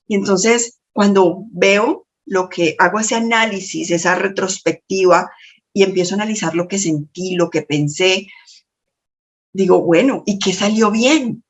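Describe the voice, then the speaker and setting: A female lecturer and coach with a slightly shrill voice gives a motivational lesson to camera, unhurried as she tells stories expressively. She does a lot of self-talk along the way.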